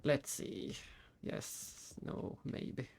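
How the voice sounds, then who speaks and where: A man's voice: extremely slow, darkish tone, a little hiss or hum. A man live-streaming a game, chatting casually and muttering his thoughts aloud to himself. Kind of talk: casual live-stream chat while playing.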